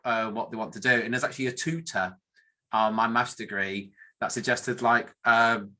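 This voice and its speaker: This informal career talk comes from a middle-aged academic statistician with a northern English accent, from the north of England. He speaks at a moderate pace in a mid-range voice with a bright, forceful tone, rambling, running himself down and frequently restarting what he's saying.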